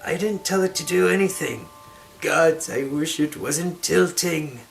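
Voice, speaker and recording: Man voicing a hammy, high-pitched exasperated young woman. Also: measured pace, creaky. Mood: flustered. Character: young woman, exasperated, weary flyer of a magic carpet. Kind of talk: dramatic audiobook reading of a fantasy novel. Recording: music behind the voice.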